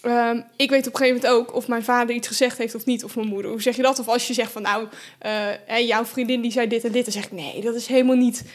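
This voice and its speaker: A woman's voice: on the high side, level tone, fast talker, hardly any pauses. A woman hosting a casual faith conversation, chatty and self-deprecating, sometimes losing her train of thought. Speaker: host, video marketer.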